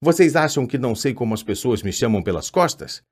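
A man's voice: mid-range voice, lively intonation, a little fast, lightly acted. A man voicing a sulky, weepy teenage girl ghost with a whiny, tearful tone.

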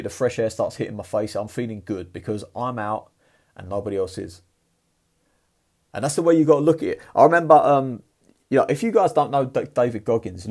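A man's voice: fairly low pitch, darkish tone. A man giving a blunt, profane motivational talk in a casual, fired-up way. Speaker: motivational vlogger.

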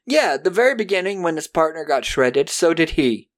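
Very animated and somewhat high-pitched, a male podcast co-host talks at a normal speed while casually recounting a film. He acts out lines from the characters with lots of energy.

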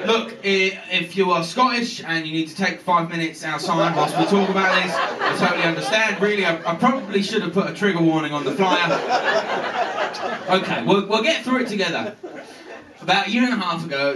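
A young man doing a stand-up comedy set, telling a story with lively delivery and plenty of swearing. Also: fairly high pitch, background noise. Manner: animated storytelling, swears freely, acts out voices. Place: comedy venue with a laughing audience. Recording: roomy live stage recording from a distance.

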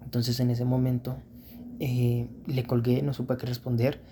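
A man's voice: medium pitch, completely flat delivery, measured pace, dark tone, slight background noise. A man telling his own story in a candid, rambling, self-critical way. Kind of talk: casual first-person storytelling.

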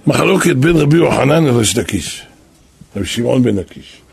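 Very raspy, animated male rabbi. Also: mid-range voice. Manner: animated storyteller who bursts into shouts for emphasis. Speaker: rabbi and kabbalist teacher. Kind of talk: Torah sermon with storytelling.

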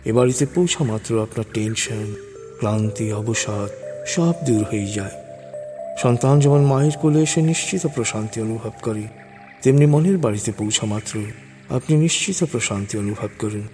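A man leading a guided meditation in a slow, calming hypnotist manner, with a soft, husky voice. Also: on the low side. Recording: long reverb over background music. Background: music.

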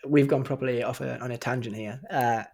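A man with a gravelly, fry-tinged voice hosts a casual podcast interview. He asks long, meandering questions, stopping and restarting with ums and repeated words. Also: medium pitch, steady tone, brisk, a little mellow. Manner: rambling questions with fillers and restarts. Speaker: podcast host.

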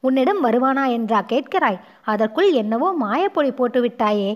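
A woman reads the part of a bantering elder sister with a quick tongue, her voice sitting a little high. She teases and chides in an audiobook story. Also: expressive, dull audio, lightly acted. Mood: teasing.

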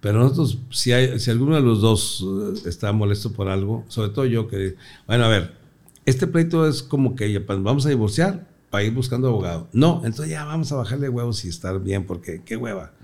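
A man's voice: mid-range voice, animated, a little fast, darkish tone. Casting: middle-aged Mexican man, comedian guest, salty joking storyteller. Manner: profane, joking, laughs through his own stories. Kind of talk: casual storytelling interview.

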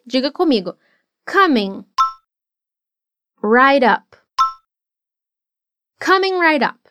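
A woman with a Brazilian Portuguese accent teaching an English lesson, encouraging and slowing down for model repetitions. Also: sits high, dry recording, clean studio sound.

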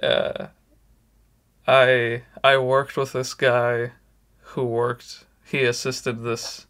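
A man's voice: mid-range voice, a bit bright. A man hosting an interview in casual chat, rambling with lots of "like" and "you know", often laughing. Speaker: podcast host.

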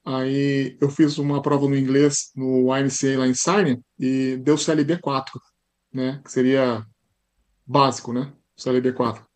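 A man from Brazil with a São Paulo Portuguese accent, a podcast guest telling stories in a lively casual way with frequent tag questions. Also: medium pitch, unhurried. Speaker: podcast guest, high school teacher. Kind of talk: casual interview storytelling.

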